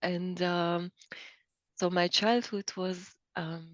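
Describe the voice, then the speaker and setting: A middle-aged woman from Belgium, speaking as an interview guest, thoughtful and hesitant with many pauses and restarts. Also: fairly low pitch, fairly even intonation, dry recording, muffled recording. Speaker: guest, coach. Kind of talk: interview conversation.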